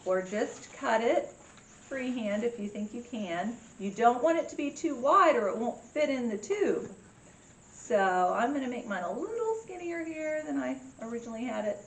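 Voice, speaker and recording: A woman presenting a step-by-step craft tutorial for children, with simple instructions and a cheery children's-host way of talking. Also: fairly high pitch. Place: indoor room with echo. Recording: echoey room with faint background noise.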